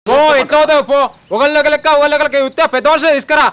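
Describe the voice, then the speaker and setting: A man's voice: extremely high pitch, flat delivery, racing, fairly bright tone. A young man with a Telangana accent playing a greedy son-in-law who aggressively demands dowry. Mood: angry. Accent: Telangana Telugu. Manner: aggressive, taunting.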